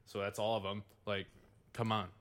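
A man's voice: lowish voice, level tone, normal speed, a bit bright. A man from Michigan chatting casually as host, laid-back and swearing freely. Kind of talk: casual chat.

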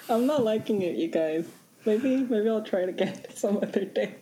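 Animated Canadian woman hosting a podcast. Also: medium pitch, slow, a little hiss or hum, rough recording. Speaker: podcast host. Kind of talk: casual podcast chat.

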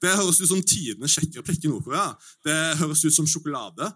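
A man doing a stand-up storytelling set, his voice sitting a little high for a man. He talks in a lively, slangy way, swears freely and slips into quick impressions of other people. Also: husky. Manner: lively, slangy, swearing, full of fillers and mimicry. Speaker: stand-up comedian.

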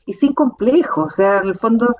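A middle-aged Chilean woman from the south of the country, a university rector, talking in an interview with an animated, emphatic manner and frequent fillers. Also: on the high side, moderate pace, highs cut off. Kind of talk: conversational interview.

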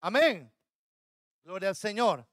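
Man, pastor, sermon, very high voice, dry close sound. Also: very animated, takes it slowly, a bit bright, no echo. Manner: preaching, acts out dialogue of biblical figures; addresses congregation as brothers.

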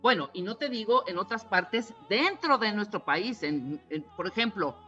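A woman's voice: mid-range voice, expressive, normal speed, bright, forceful tone, muffled recording, faint music behind. A Mexican woman hosting a radio show, chatting casually and slangily with her guest. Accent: Mexican Spanish. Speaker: radio host.

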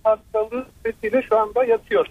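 A middle-aged man from Turkey calling a radio health show over a landline phone, asking politely and hesitantly with drawn-out fillers. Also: sits high, level tone, dry recording. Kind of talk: call-in question. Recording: tinny dry phone line.

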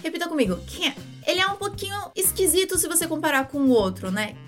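A woman with a Brazilian Portuguese accent, an online English teacher, giving a video lesson and slowly repeating example phrases for practice. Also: extremely high pitch, sing-song, faint music behind.

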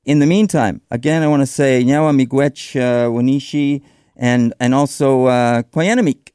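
A man hosting a conversational radio interview in a smooth voice, feeling his way through his phrases. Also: medium pitch, steady tone, normal speed, dark tone, no echo, clean studio sound.

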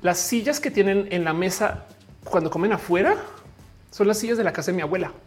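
A woman's voice: medium pitch, brisk, soft background music. A woman from Bogotá whose Colombian accent has faded, with Mexican slang mixed in. She chats casually on a live stream, reads the chat aloud, swears lightly and laughs often.

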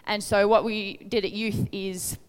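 Woman giving a chatty earnest sermon, average pitch, big hall with long reverb tail. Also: flat delivery, unhurried, clean tone. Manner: conversational, earnest, asks the listeners questions. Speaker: preacher. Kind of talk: informal sermon with Bible reading.

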